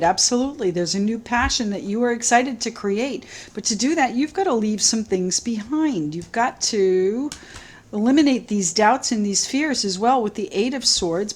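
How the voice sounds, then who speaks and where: Soft-spoken woman doing a tarot reading. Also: fairly high pitch, low-quality recording. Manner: gentle, slow, musing, repeats phrases. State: slightly choked up, clearing throat. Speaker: tarot reader. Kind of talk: solo tarot reading to camera.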